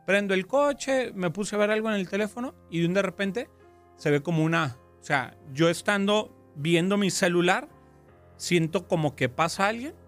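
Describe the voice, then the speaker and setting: Mexican male co-host, high-pitched, animated storyteller, light music under him. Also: normal speed. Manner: animated, quotes himself in lively asides. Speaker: show co-host. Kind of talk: casual storytelling chat.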